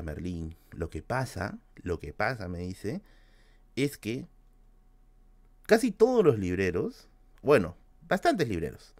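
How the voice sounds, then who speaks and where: A man with a Peruvian Spanish accent, hosting a book channel and telling a story in casual talk, switching between loud bursts and hushed asides and swearing freely. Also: fairly low pitch, dry recording. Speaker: book-collecting channel host.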